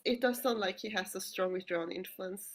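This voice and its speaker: A woman's voice: medium pitch, a little fast, rough recording. A woman co-hosting a casual chat, hesitant and searching for words. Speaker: podcast co-host.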